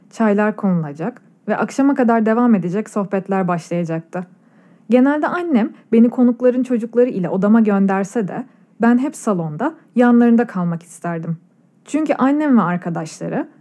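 A woman narrates a story in a calm, reflective and measured way. Her voice sits slightly high but has a warm, mellow color. It is a clean studio recording. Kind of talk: scripted audiobook narration.

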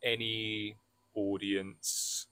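A man's voice: on the low side, little pitch movement, extremely slow, bright, forceful tone, smooth. A man co-hosting a podcast in casual chat, with a wry, self-mocking manner, laughing at his own jokes. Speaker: podcast co-host.

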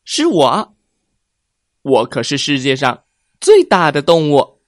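A small bird boasts in a raised, lively voice, as a man puts it on. The bird sounds bold and cheeky. The recording is dry and close. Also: on the high side, takes it slowly, no room sound, full character voice. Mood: boastful.

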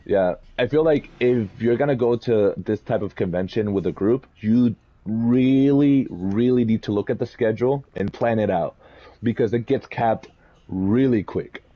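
A man from Puerto Rico co-hosting a podcast, telling stories in an animated, rambling way with quick laughs. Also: fairly low pitch, lo-fi sound. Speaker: podcast co-host. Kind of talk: casual chat.

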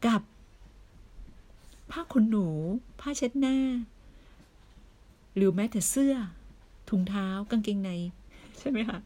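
A woman giving a casual, persuasive sales pitch for beauty products, chatty and full of questions for the listener. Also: takes it slowly, long pauses, mellow. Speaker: beauty product seller recruiting members.

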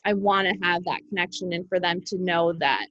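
A woman's voice: on the low side, fairly quick, a bit bright, no echo. Female podcast guest, upbeat and friendly, slightly dull remote-call audio. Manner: upbeat, friendly, talks in run-on tips. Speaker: podcast guest, social media coach. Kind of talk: casual chat.

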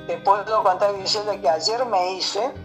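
A man's voice: high voice, steady tone, a little slow, a bit bright, faint music behind, low-quality recording. Rambling older Argentine man. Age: 70s. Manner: rambling, many fillers and tag questions. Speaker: radio guest. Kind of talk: casual radio interview.

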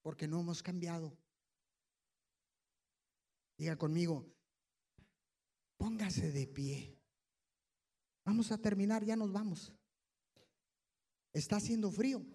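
A man's voice: sits high, takes it slowly, long pauses, mellow. A male pastor preaching a sermon and leading his congregation in repeat-after-me prayer, with plain-spoken, teasing asides to the listeners.

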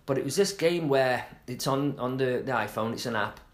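A man's voice: mid-range voice, moderate pace. Rambling middle-aged man chatting casually. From England. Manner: rambling, trails off mid-sentence with fillers. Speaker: podcast co-host. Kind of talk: casual chat.

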